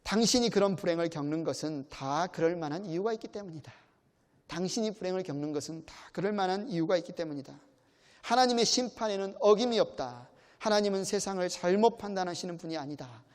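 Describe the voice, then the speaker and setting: Pastor doing a stern pious friend lecturing, sharp and raised, high pitched, long church reverb. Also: male voice, animated, fast talker. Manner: sharp rebuking tone. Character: indignant male friend scolding from rigid piety.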